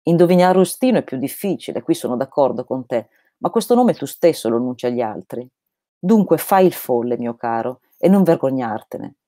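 A woman's voice: extremely low pitch, warm tone, no echo, clean studio sound. A woman reading aloud the lines of an eccentric, vehement male holy fool, in an emphatic read-aloud delivery.

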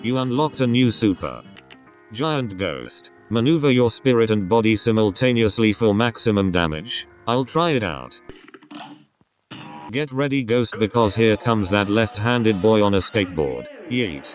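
A male text-to-speech voice reading casual let's play commentary, with an even machine delivery. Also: on the low side, measured pace. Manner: evenly paced machine reading of casual gaming banter. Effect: text-to-speech synthetic voice. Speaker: gaming channel host. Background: video game music.

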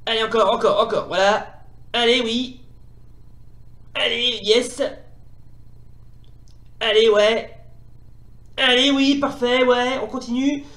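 A man commentating excitably as he plays a retro fighting game, often exclaiming and repeating himself. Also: very high voice, slow, long pauses, reverberant. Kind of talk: playing while commentating.

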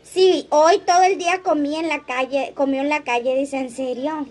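High-voiced chatty woman streaming live. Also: fairly even intonation, normal speed, a little mellow. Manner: chatty, laughs often, reads comments aloud. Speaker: livestream host. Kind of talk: casual livestream chat reading comments.

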